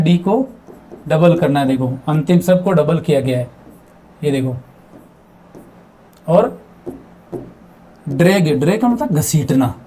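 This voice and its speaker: High-pitched man teaching English grammar. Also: dark tone. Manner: repeats words and asks himself questions; mixes English terms into his explanations. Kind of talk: explaining grammar in a video lesson.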